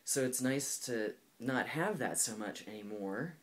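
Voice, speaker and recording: A young man in his twenties vlogs to camera in an unhurried way, his mid-range voice fairly bright with lively intonation. He's candid and reflective, peppering his casual talk with lots of "like" and "um."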